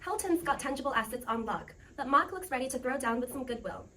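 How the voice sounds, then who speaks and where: Playing the host of a scripted game show for a student role play, a woman teases and jokes in a high-pitched, animated voice that is quick, pushed and bright. A little hiss or hum, an echoey distant mic and background music mark the recording.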